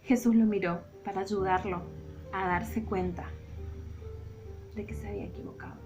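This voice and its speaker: A Sunday school teacher with a Rioplatense Spanish accent tells children a Bible story in an expressive, dramatic way. Her mid-range voice moves at normal speed over soft background music.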